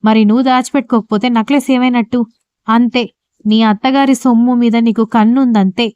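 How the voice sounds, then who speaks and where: A loud, scheming sister-in-law, read by a woman narrator in an audio storybook, flinging accusations dramatically. Her words come out fast and crisp in a dry, close voice. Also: a little high, fairly even intonation, no room sound, muffled recording, natural voice. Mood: accusing.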